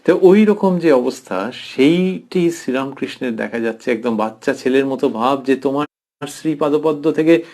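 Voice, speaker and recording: A man giving a devotional lecture commentary as a professor, reflective and tender, pausing thoughtfully and slowing down to dwell on phrases. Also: mid-range voice. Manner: thoughtful pauses with soft fillers.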